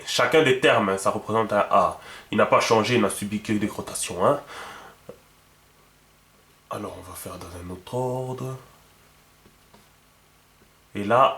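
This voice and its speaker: A man's voice: lowish voice, a bit bright. A man teaching a lesson, patient and checking often that the viewer follows. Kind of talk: instructional video lesson. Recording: echoey room.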